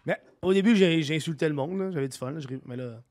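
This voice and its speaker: Québécois man, high voice, dry studio sound, rambly and cheeky guest. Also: fast talker, darkish tone, no echo. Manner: laughing, swearing, rambling. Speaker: podcast guest. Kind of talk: casual chat.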